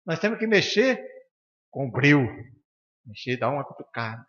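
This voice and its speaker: A man with a Brazilian accent from Curitiba teaching an informal spiritist study class, bluntly acting out talks with the people he treats and tagging his points with quick questions. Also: mid-range voice. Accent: Brazilian Portuguese, from Curitiba. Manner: animated, acts out dialogues with patients; blunt and firm, frequent "né?" tags. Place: spiritist center lecture room. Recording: dull lo-fi sound with long hall reverb.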